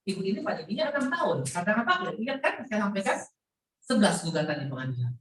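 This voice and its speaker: A middle-aged woman preaching an animated, playful sermon to a women's Bible class, mixing in English words. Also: mid-range voice, racing. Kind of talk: lively sermon. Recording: echoey hall, voice from a distance.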